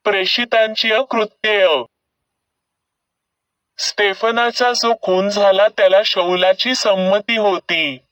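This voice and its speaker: Male narrator, scripture reading: slow and measured, bright crisp tone, dry and distant. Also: sits high, fairly even intonation, no room sound. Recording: dull recording from a distance.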